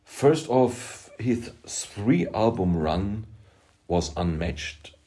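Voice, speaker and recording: Here a rapper and music producer from Austria, speaking German with his native accent, rants about hip-hop on his vlog in a fairly low, dark voice. He's animated and emphatic, yet he pauses and pokes fun at himself along the way.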